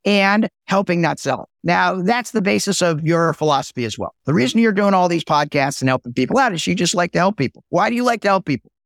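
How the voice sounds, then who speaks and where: Middle-aged man, high voice, energetic storyteller, guest on a business chat, dry close mic. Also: quick pace, creaky, hardly any pauses, dry recording. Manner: animated storyteller, lively and talkative. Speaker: podcast guest, sales executive. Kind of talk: casual interview chat with storytelling.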